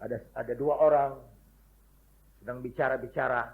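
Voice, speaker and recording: A man preaching a lively sermon full of humorous stories, jumping from loud shouts to hushed asides and acting out the people he quotes. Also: medium pitch, moderate pace, vocal fry. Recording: dull lo-fi recording.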